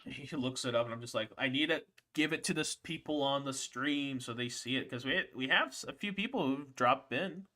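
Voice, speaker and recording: A man co-hosting a casual live stream chat, rambling and crude, getting animated when he jokes. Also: medium pitch, fairly quick, hardly any pauses. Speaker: podcast co-host.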